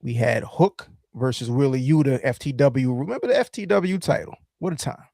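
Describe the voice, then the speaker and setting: Brief: male podcast host, mid-pitched, loose rambling delivery full of fillers, dry close mic. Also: animated, normal speed, gravelly, warm tone, dry recording. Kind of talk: casual chat.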